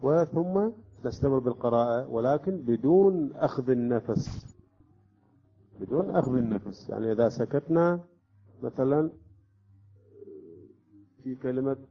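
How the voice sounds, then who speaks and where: A man's voice: medium pitch, expressive, moderate pace, pauses often. A man teaching Quran recitation rules step by step, often checking with his listeners. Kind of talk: tajweed lesson explanation. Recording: dull lo-fi recording.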